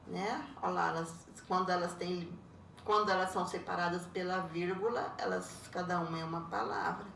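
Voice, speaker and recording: A woman, a primary school teacher correcting homework in a recorded lesson, explaining slowly and patiently with frequent checking tags. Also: on the low side, fairly even intonation, gravelly, fairly bright tone. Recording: roomy echo, voice a bit far from the mic, faint background noise.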